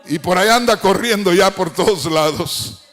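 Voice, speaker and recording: A middle-aged man preaching a sermon, fervent, at times shouting and half-singing his phrases. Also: sits high, moderate pace.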